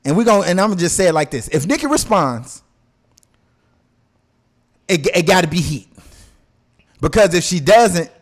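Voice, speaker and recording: Animated, higher-pitched man chatting casually. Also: moderate pace, long pauses. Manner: animated, repeats phrases emphatically. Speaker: podcast co-host. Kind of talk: casual chat.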